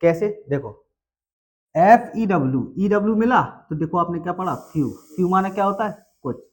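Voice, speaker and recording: Man, high-pitched, classroom lesson, rhetorical questions. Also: animated, moderate pace. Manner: asks questions and answers them himself. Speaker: English teacher.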